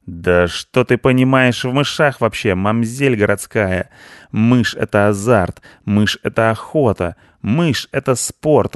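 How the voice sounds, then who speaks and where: A man's voice: mid-range voice, no echo, studio quality, pitched above the performer's own voice, lightly acted. Man doing a boastful red village tomcat. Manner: rough, folksy and boastful.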